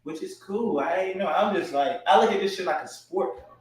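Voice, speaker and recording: High-voiced man rambling, far off in an echoey room. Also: brisk. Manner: profane, rambling, laughs often. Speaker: workshop participant. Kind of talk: casual chat. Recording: roomy echo, distant from mic.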